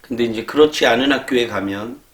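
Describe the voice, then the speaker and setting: A man lecturer telling a casual story, acting out scolding students with quick laughs. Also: mid-range voice, reverberant. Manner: animated, acts out exasperated scolding of students with laughs. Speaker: education lecturer.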